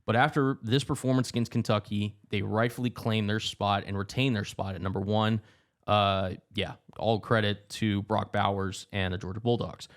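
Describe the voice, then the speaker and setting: A young man co-hosting a casual sports podcast, running through rankings in a quick broadcaster's manner. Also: fairly low pitch, flat delivery. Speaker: podcast co-host.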